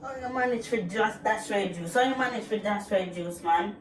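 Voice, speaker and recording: A woman's voice: mid-range voice, normal speed, close to an everyday voice. A woman playing an exasperated Jamaican mother in a comedy skit, scolding her child in a mom lecture with repeated questions. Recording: echoey room, distant mic, faint noise.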